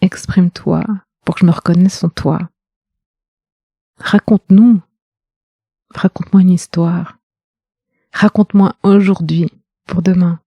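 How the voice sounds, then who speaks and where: A podcast host and communication coach reads a scripted poetic monologue, her lowish, mellow voice intimate and questioning as she addresses the listener directly. The recording is dry and lo-fi.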